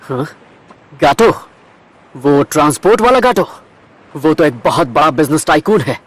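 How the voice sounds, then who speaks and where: An actor dubbing a calm adult ninja team leader in an anime, questioning firmly. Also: male voice, a little high, a little fast, breathy edge. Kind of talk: anime dub acting.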